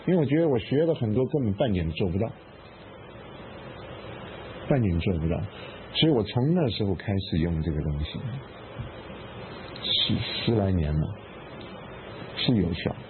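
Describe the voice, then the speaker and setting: A man giving a Buddhist dharma lecture to a class, emphatic, repeating phrases and asking rhetorical questions. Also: fairly low pitch. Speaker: Buddhist meditation teacher. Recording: narrow phone-like sound with faint noise.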